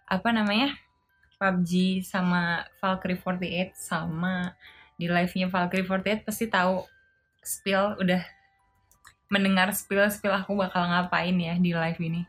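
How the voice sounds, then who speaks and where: A woman's voice: medium pitch, steady tone, measured pace, fairly bright tone, soft background music. A woman chatting casually on a live stream, playful and laughing often as she reads viewer comments aloud and tries simple Japanese phrases.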